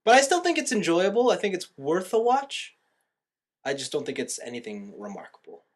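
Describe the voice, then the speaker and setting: This movie review podcast host speaks in a high voice with big pitch swings at a fairly quick pace, keeping things casual as he gives his views and keeps reworking his wording.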